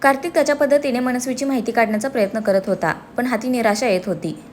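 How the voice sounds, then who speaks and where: A woman's voice: a little high, fast, slight background noise. A woman narrating a serialized romance story, reading dramatically and voicing every character herself.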